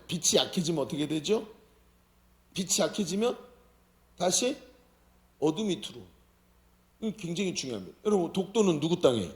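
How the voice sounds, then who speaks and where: Pastor guy preaching, keeps asking the crowd stuff, echoey church. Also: high voice. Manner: lively, questions the audience often. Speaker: senior pastor. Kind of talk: sermon. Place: church sanctuary. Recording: roomy church hall.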